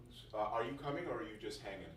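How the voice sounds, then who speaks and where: A man with a lowish voice races through an informal, jokey first-day talk to new music students as their teacher, often repeating phrases for emphasis. He's in an indoor classroom, with crowd noise, a roomy sound, a distant mic and faint noise.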